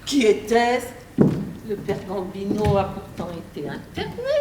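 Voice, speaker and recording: A woman's voice: medium pitch, sing-song, measured pace, very noisy. A woman acting a grand lady of the house who gives orders to her maid, with a theatrical, affected delivery in an amateur stage play. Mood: gushing. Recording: echoey stage hall.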